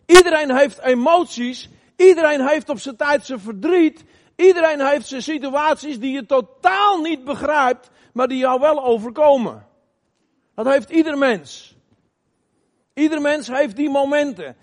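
A middle-aged man preaching an emphatic sermon in a church, asking the congregation questions and sometimes shouting. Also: extremely high pitch. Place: church hall. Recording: long reverb of a church hall.

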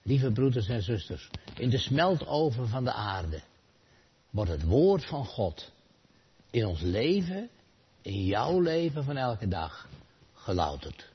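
A man preaching a sermon, asking rhetorical questions and answering them, rising loud and then dropping soft. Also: medium pitch, big pitch swings, takes it slowly, long pauses, slightly rough. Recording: dull lo-fi sound.

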